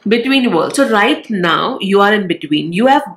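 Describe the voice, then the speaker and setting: A woman with a cold and a nasal voice, giving a casual tarot card reading with a gentle, reassuring manner. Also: medium pitch, expressive, moderate pace. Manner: gentle, reassuring, frequent "wow" and "all right".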